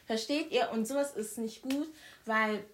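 Loud, emphatic young woman. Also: fairly high pitch. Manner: emphatic, quick bursts, says "ich schwör". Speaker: podcast guest. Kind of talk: casual chat.

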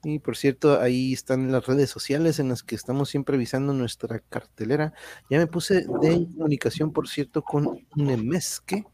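A man's voice: mid-range voice, moderate pace, dark tone, dry recording. A man with a Mexican accent hosting a livestream, chatting informally with viewers in a rambling, slangy way. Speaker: livestream host. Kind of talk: casual chat with viewers.

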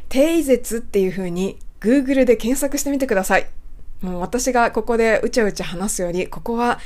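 A woman's voice: on the high side, darkish tone. A woman teaching English pronunciation, explaining politely step by step and whispering example words to model them. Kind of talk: explanatory lesson talk.

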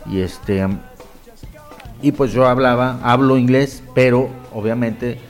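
Mexican man, thirties, casual interview host, joking, colloquial, mid voice, soft music underneath. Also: medium pitch, takes it slowly.

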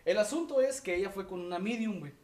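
A man with a Mexican Spanish accent hosting a casual podcast, telling a story in an animated way and peppering it with slang fillers. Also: high voice, fast, recorded from a distance. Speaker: podcast host. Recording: echoey room, off-mic.

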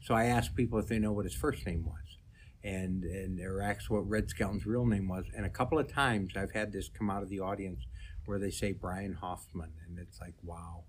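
Slightly low-voiced man telling stories. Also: fairly even intonation, normal speed, a little hiss or hum. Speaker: comedian and celebrity impersonator, interview guest. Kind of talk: conversational interview storytelling.

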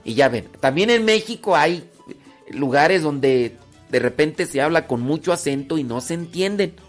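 A Mexican man with a rural ranchero accent hosts a radio show and talks to his listeners. His voice sits a little high for a man, and he rambles, stalling on fillers and starting over. Soft music plays faintly behind him. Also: animated, moderate pace. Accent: Mexican, rural ranchero speech. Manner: rambling, with many fillers and restarts. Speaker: radio host. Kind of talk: casual radio talk to listeners.

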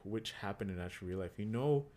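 Speaking fairly quickly in a lowish voice, this podcast co-host of Kenyan heritage is animated and casual, saying "like" constantly and repeating words.

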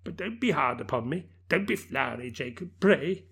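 A man voicing a fearful, humbled old miser with a low, faltering voice. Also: animated, normal speed, vocal fry, a bit bright, slightly rough, full character voice.

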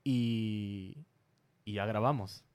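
A man's voice: fairly low pitch, fairly even intonation, drawn-out words, darkish tone, clean tone. A man from Peru, a content creator, telling a story in a casual interview, earnest and a little self-conscious, often restarting his sentences.

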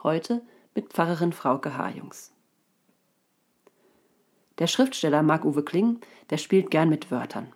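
A woman pastor giving a short recorded devotion by telephone, speaking calmly and reading a story aloud. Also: low-pitched, takes it slowly, long pauses.

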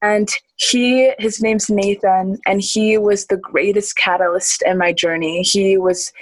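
With a mid-range, steady voice and a slightly slow delivery, a young woman in her early twenties talks with eager sincerity as a guest in a relaxed interview. She laughs a lot and frequently starts her sentences over, and the recording quality is low.

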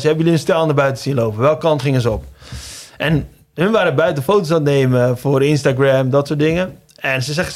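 Brief: man, menswear shop owner, animated storyteller, slightly high voice, faint hiss behind. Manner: lively anecdote telling with many fillers. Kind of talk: casual storytelling chat.

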